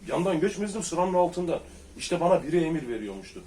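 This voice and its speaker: Talking fast with big swings in pitch, this man has a voice on the high side and a dark tone. A comedian recalling his childhood school days, he spins rowdy tales for friends in casual conversation, laughing a lot and playing out the old back-and-forths. It's recorded on a distant mic with faint background noise.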